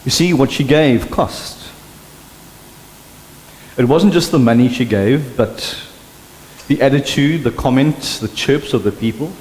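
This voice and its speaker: A man with a South African accent preaching a sermon, an animated storyteller who acts out sounds and drops to a hush for emphasis. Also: mid-range voice, unhurried, long pauses. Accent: South African English. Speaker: pastor. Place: church sanctuary. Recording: echoey church hall with long reverb.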